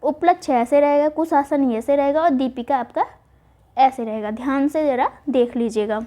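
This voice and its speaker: A woman teaching Hindi spelling for exam prep, spelling words out slowly and answering her own questions. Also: sits high, mellow. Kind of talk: online exam-prep lesson.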